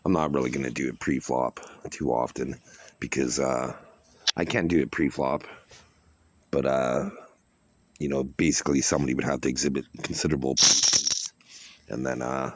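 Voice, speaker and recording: A man's voice: extremely low pitch, fairly even intonation, normal speed. A man giving casual, rambling commentary while he plays online poker, often restarting and repeating himself. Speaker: online poker player and streamer. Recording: loud background noise and clicks.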